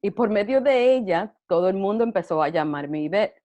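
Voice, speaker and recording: Here a middle-aged Puerto Rican woman, interviewed about her life, tells casual stories with frequent laughter. She speaks at normal speed in a mellow, expressive, medium-pitched voice with a Puerto Rican Spanish accent, and the recording is dull and lo-fi.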